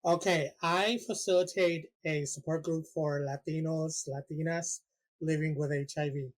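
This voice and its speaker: A man from Puerto Rico speaks in an earnest, measured way as a guest, describing the support group he runs. His voice sits a little high. His pitch barely moves. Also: steady tone. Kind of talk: interview answers.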